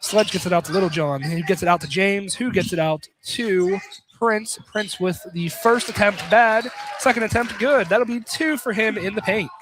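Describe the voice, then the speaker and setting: Calling a basketball game live on the radio, a man with a high-sitting voice keeps a moderate pace and drops in casual, opinionated asides. The broadcast from the gym is noisy.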